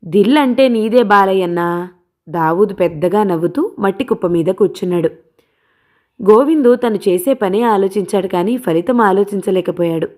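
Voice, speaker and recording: A woman narrating a novel as an audiobook reader, in a steady, plain reading voice. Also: medium pitch, moderate pace. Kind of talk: storytelling narration.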